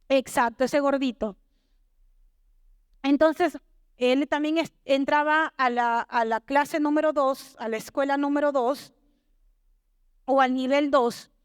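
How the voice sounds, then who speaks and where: A high-pitched woman delivers a testimony sermon in an animated storytelling way. She slips into the voices of the people she quotes. Her voice sounds close and dry, with no room echo. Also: takes it slowly, long pauses. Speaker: church sister giving testimony.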